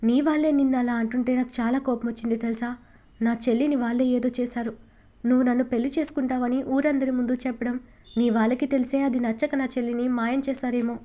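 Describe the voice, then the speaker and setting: A woman's voice: on the high side, fairly even intonation, quick pace, mellow, close to an everyday voice. Woman voicing an emotional, possessive young woman.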